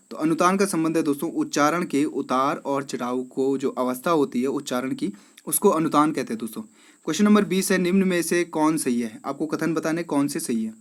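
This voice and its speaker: A man with an Uttarakhand Hindi accent, teaching as he walks through exam quiz questions one by one. He calls the viewers friends and keeps checking in with them. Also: a little high. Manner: addresses viewers as friends, repeats "theek hai".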